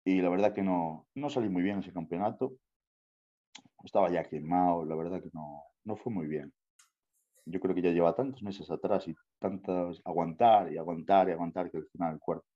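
A young Spanish-accented bodybuilder from Spain tells his story in a relaxed interview, his low voice at a moderate pace with the highs cut off. He swears freely, talks in slang, and keeps throwing in "tío" and "¿sabes?".

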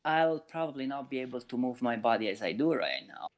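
A thoughtful meditation teacher and flute maker in his forties gives casual interview answers, explaining with everyday examples and often restarting his sentences. His pitch is plain but swings widely, and he speaks fairly quickly.

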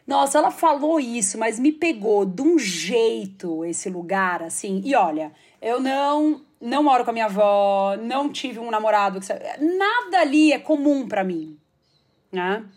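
Brief: Brazilian woman, comedic actress, fairly high voice, animated storyteller quoting others in an interview. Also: measured pace. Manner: lively retelling, voices others' quotes with pitch jumps.

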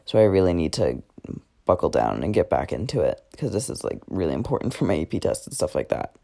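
A teenage guy records a casual diary podcast at home late at night. His voice sits on the low side. He rambles, fills pauses with "um" and "like", and often backs up to correct himself. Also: sing-song, vocal fry, mellow. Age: teens. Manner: rambling, many fillers and self-corrections. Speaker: podcast host.

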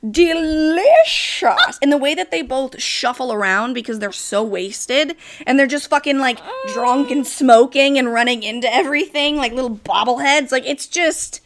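Giggly high-voiced woman in her thirties. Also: moderate pace, hardly any pauses. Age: 30s. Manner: giggly, animated, swears casually. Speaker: podcast co-host. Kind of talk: casual chat.

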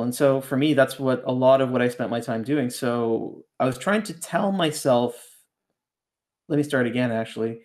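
A man's voice: medium pitch, a little mellow. A man raised in Canada, a ghostwriter talking as a podcast guest, reflective and winding, often checking in with "right?". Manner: reflective, rambling, keeps asking "right?". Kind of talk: casual podcast conversation.

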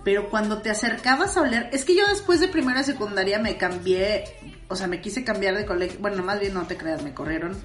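A woman's voice: mid-range voice, animated, brisk, faint music behind. Mexican woman in a roomy echo. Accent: Mexican Spanish. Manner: slangy, laughing, candid. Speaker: podcast co-host. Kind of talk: casual storytelling chat.

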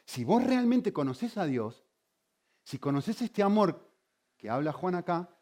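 A man preaching with a fairly high, very lively voice that swings up and down. He asks the congregation question after question as he teaches. His delivery stays animated throughout. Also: unhurried. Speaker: pastor. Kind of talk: sermon.

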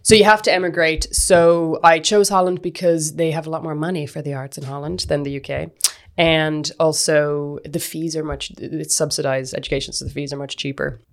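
A woman's voice: low voice, fairly even intonation, normal speed. A young woman with a west of Ireland accent, telling stories casually and chattily as an interview guest. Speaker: interview guest, dancer and performer. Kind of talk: casual conversational storytelling.

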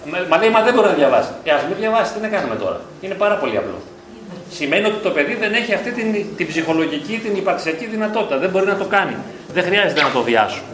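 A man's voice: high-pitched, big pitch swings, background noise. A male psychologist giving a reflective lecture at a parent event in a school hall, often asking rhetorical questions. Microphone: distant from the mic. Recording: echoey hall from far off.

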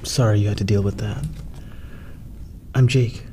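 An actor playing a kind, calm man who speaks gently and reassuringly. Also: lowish voice, a little slow, slight background noise, close to an everyday voice. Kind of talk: scripted skit acting.

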